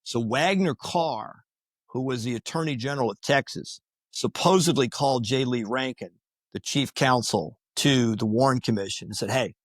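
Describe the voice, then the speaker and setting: A man talking casually on a podcast, telling stories in a lively way and acting out what people said. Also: medium pitch, moderate pace, no echo, clean studio sound. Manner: animated, acts out quoted voices.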